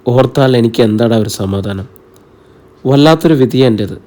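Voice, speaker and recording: A man's voice: mid-range voice, animated, moderate pace, warm tone, lightly acted. A man voicing a tearful middle-aged mother in a novel reading. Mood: sorrowful. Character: weeping middle-aged mother, grieving and plaintive. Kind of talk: audiobook character reading.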